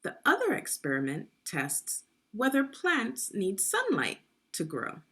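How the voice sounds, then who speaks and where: Reading slowly and with lots of life, a woman with a mid-range voice leads children through a guided read-aloud as their teacher and narrator. She enunciates clearly, teaches as she goes, and stops to ask her young listeners questions.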